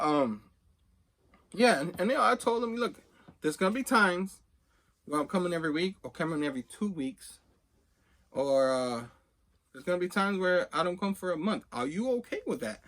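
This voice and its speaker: Here a middle-aged man, host of a video channel about collecting comics, casually shares a personal story, wandering off conversationally and performing lines of remembered dialogue. His voice is high-pitched and a bit bright.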